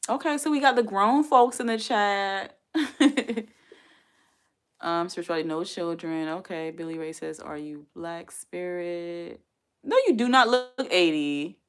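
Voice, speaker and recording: Streaming casually from home, a woman in her forties reads viewer comments out loud and replies to them, talking straight to chat and laughing a lot. She has a lowish, smooth voice and speaks a little slowly.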